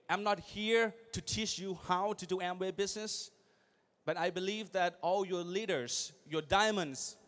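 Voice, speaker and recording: A young man speaks on stage at a big convention, his voice sitting high for a man. He is energetic and keeps throwing questions out to the audience, pushing them to answer. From Thailand. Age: young adult. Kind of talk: motivational stage speech. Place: large convention hall.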